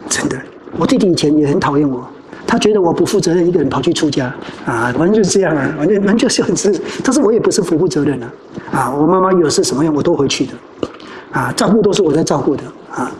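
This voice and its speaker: A Buddhist monastic answering listeners' questions in an informal dharma talk, telling personal stories and repeating phrases with drawn-out particles at the ends of sentences. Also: mid-range voice, background noise. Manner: tells personal stories to advise.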